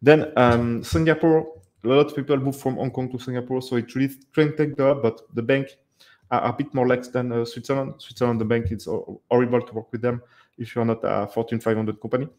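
A man in his thirties hosts a live webcam Q&A, answering viewer questions casually with plenty of fillers and restarts. He's in a dim indoor room using a headset or desk mic, framed by a webcam. His mid-range voice is steady, brisk, and a little mellow.

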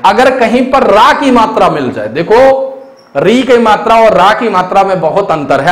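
Male teacher, high voice, step-by-step exam-prep lesson, quizzes the viewers with rhetorical questions. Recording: echoey room.

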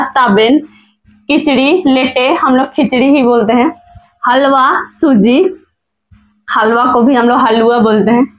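A woman hosting a casual whiteboard vocabulary lesson, reading out word pairs slowly and repeating each one with care. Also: fairly high pitch, muffled recording. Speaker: language teacher, channel host.

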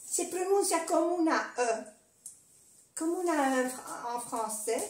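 An older woman teaching a casual video lesson at home, patient, repeating words slowly and adding little tag questions. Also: sits high, animated, a little mellow, roomy sound. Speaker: language teacher. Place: indoor room at home.

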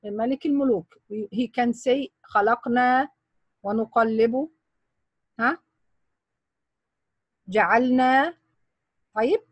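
A woman's voice: fairly high pitch, slow pace, pauses often, no echo, highs cut off. A woman teaching grammar in English, quizzing her students with repeated questions. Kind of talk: online grammar lesson.

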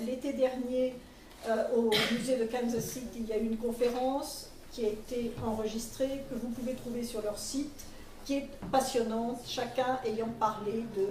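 At a teachers' training day, a middle-aged Frenchwoman speaking for a centennial commission presents from a panel table, full of fillers and restarts. Her voice is fairly high with a darkish tone, picked up by a table mic and filmed from far off in an echoey meeting room with slight hiss or hum.

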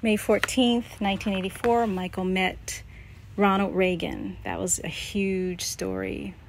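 An American woman in her late forties, a vlogger, shows off her personal scrapbook in a casual, chatty, nostalgic and self-deprecating show-and-tell. Her medium-pitched voice has vocal fry and she speaks a little slowly. It is a noisy home recording made on a handheld phone.

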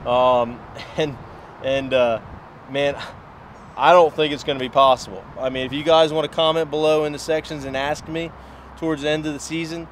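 A man in his thirties, a pro angler, talking casually through a walkthrough of his boat outdoors, relaxed and full of fillers. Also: on the high side, normal speed, a little hiss or hum. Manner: relaxed and chatty, many fillers and restarts. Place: outdoors beside a boat in a yard.

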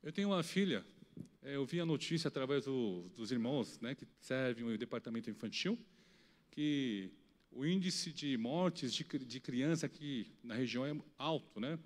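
A young man giving an emotional sermon testimony with a Brazilian Portuguese accent, pleading and swinging from shouted appeals to quiet storytelling. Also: mid-range voice, expressive, moderate pace, in a large hall. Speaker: preacher.

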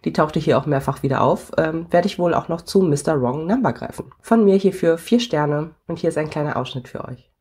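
A woman's voice: sits low, fairly quick, warm tone, husky. A woman hosting a book podcast, giving chatty, opinionated reviews in a matter-of-fact way.

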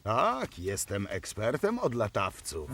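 A man's voice: lowish voice, huge pitch swings, takes it slowly, heavily acted. A man voicing a cheerful, overconfident father pig in a dubbed cartoon, with a jolly, boastful manner. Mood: confident.

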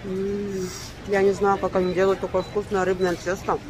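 A woman's voice: medium pitch, level tone, moderate pace. Chatty woman talking with her mouth full. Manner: chatty, enthusiastic, uses fond diminutives. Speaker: vlogger. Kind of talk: casual street food vlog. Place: outdoors on a busy city street. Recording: outdoor street noise behind the voice.

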